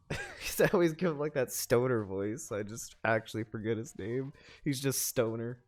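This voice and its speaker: A man's voice: mid-range voice, lively intonation, moderate pace, no room sound. A man casually bantering with a friend while watching a video game, joking, laughing often and rambling off on asides. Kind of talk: casual let's-play banter.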